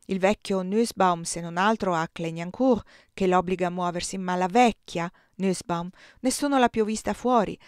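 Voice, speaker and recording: A woman reading a novel aloud as narrator in a measured, expressive way. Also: lowish voice, smooth, dry recording, clean studio sound. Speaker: audiobook reader. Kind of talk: scripted narration.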